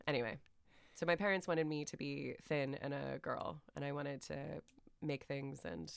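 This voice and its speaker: Low-voiced American woman in her thirties. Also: animated, normal speed, creaky, clear, resonant tone, dry recording, studio quality. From United States. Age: 30s. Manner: rambling, self-deprecating, laughs often. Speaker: podcast guest. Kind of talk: casual podcast chat.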